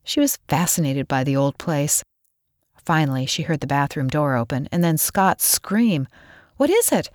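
Low-voiced woman narrating a storybook. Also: no room sound, studio quality. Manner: expressive, measured.

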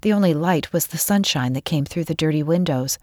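Low-voiced woman narrating a storybook. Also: no echo, studio quality. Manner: expressive, measured.

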